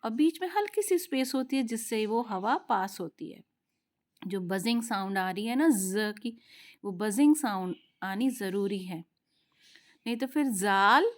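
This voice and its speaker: A woman teaching tajweed, patiently explaining letter sounds and drawing them out in slow practice drills. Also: on the high side. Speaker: Quran recitation teacher. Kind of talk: tajweed lesson.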